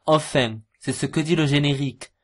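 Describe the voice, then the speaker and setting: This video host's voice sits a little high, with fairly even intonation and a moderate pace. He reviews cartoons informally in a voice-over with music behind him, his delivery jokey, slangy and mocking.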